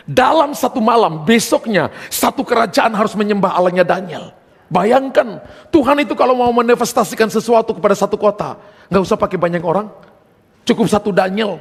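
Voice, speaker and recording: A man's voice: high-pitched, creaky, slightly rough. A man preaching a sermon as pastor, telling a personal testimony emphatically and addressing the congregation directly. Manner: emphatic storytelling, addressing listeners as brothers. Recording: long hall reverb.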